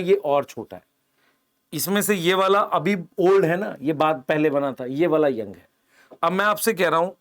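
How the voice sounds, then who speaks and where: A man teaches biology to exam students in a fairly high voice. He keeps asking the class short questions, answers them himself, and calls the students "beta". He talks through his board drawings step by step. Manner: explains while drawing on a board, points with "idhar dekho". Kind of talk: online exam-prep lecture, Hindi mixed with English terms.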